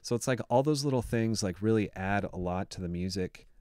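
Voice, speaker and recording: A man with a somewhat low voice talks through his music production in a loose, excited way, packing his sentences with "like." He sits close to a studio microphone, and the sound is dry, with no room echo. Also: a little fast, smooth. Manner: chatty and enthusiastic, many "like" fillers. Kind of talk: casual production walkthrough.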